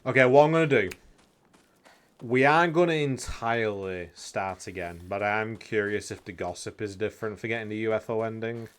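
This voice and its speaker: A man commenting casually over a game stream, thinking out loud as he plays. His voice sits a little low. Now and then he mutters guide text quietly to himself. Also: a little fast, smooth. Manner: chatty, thinks aloud, reads guide text under his breath.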